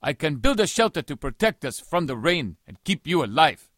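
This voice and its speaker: A proud pirate, played by a man, stern and scornful. He speaks in stiff, formal English with a voice that moves a lot in pitch. The audio drama recording is dry and close. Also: very animated, normal speed, fairly bright tone, dry recording. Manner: stiff, formal, non-native English phrasing.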